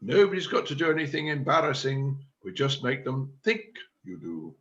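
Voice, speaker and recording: A man's voice: medium pitch, big pitch swings, normal speed, a bit bright, lo-fi sound. A man reading the part of a self-important chairman of an amateur drama group, declaiming his big plan. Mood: scheming. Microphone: video call.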